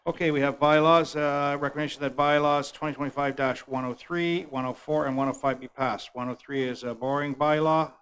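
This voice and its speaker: A man chairing a town council meeting, running through motions briskly with fillers and restarts. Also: on the high side, steady tone, a bit bright, clean tone, rough recording.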